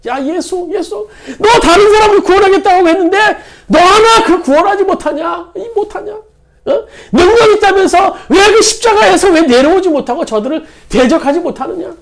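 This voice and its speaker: A jeering mocker at the crucifixion hurls loud taunts in a high, swooping voice, as a preacher puts him on. The voice climbs and falls sharply with each scornful shout. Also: animated, moderate pace, vocal fry, exaggerated voice. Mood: mocking.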